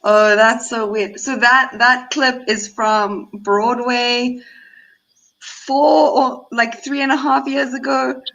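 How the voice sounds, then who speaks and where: A woman's voice: a little high, fairly even intonation, slow pace, a bit bright, poor audio. A South African woman comedian chatting casually about her early shows. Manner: chatty, reminiscing. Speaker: guest comedian. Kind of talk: casual chat.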